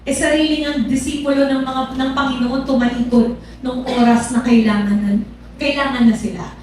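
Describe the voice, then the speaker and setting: A woman's voice: high voice, fairly even intonation, normal speed, noisy background. A woman giving her personal testimony in church, talking conversationally to the congregation and asking them rhetorical questions. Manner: conversational, code-switching, addresses audience with rhetorical questions. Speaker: testimony speaker. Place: large church hall. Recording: echoey hall from far off.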